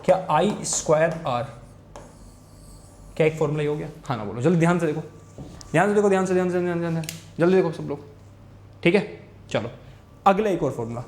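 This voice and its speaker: A young man teaching a physics lesson, quick and repetitive, urging students to watch closely. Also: fairly high pitch, animated, darkish tone, slight background noise. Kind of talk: fast Hindi tutoring lesson with board writing. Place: room, recording a class video. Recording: echoey room.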